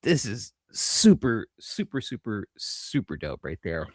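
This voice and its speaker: A man with a lowish voice and big pitch swings speaks unhurriedly while hosting a live collecting show. He shows off comics in casual, enthusiastic chat full of informal slang, often repeating phrases for emphasis. The recording is dry and studio quality.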